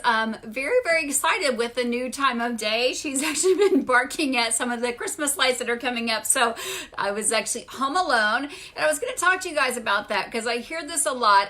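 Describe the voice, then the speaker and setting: A woman's voice: on the high side, bright, forceful tone. A middle-aged woman hosting a casual live stream from home as a wellness doctor, upbeat and chatty, sometimes tripping over her words. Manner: upbeat, chatty, stumbles while reading comments.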